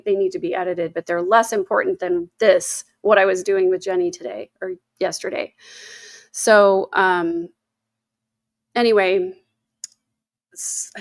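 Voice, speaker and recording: A woman in her fifties with a medium-pitched voice hosts a casual livestream, rambling from topic to topic and reading chat messages aloud with plenty of fillers. There's no echo.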